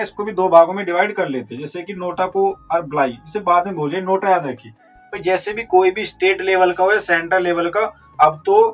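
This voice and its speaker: A high-voiced man teaching vocabulary with memory tricks, working through each word step by step and answering his own questions. He sounds set back from the microphone, and faint music plays underneath. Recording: distant mic with faint music.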